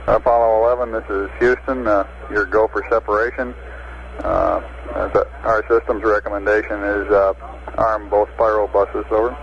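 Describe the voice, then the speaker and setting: A man's voice: lowish voice, little pitch movement, moderate pace, creaky. A man at mission control relaying terse, clipped radio procedure talk with frequent hesitations, heard through a narrowband radio transmission. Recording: lo-fi archival radio audio with faint hiss.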